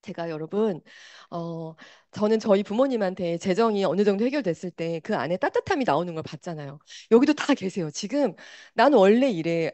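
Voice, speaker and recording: A woman giving an animated motivational talk, speaking directly to her audience on a microphone. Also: medium pitch, no room sound.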